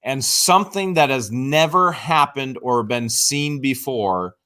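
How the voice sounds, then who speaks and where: A man's voice: medium pitch, expressive, measured pace, sharp tone. A man co-hosting a live stream, joking around in casual chat and reading out viewer guesses. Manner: joking, playful, reads viewer guesses aloud.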